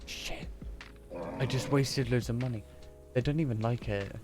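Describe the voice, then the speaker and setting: A man's voice: medium pitch, normal speed, a little mellow. A man casually commentating on his own gameplay, rambling, sweary and easily distracted. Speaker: streamer. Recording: game music playing underneath.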